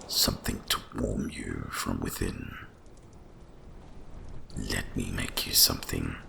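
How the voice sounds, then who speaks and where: A man plays an ancient, gentle winter dragon in an ASMR roleplay, using an exaggerated, deep, gravelly half-whisper. He's hushed and soothing, with deliberate pauses, over slight background noise.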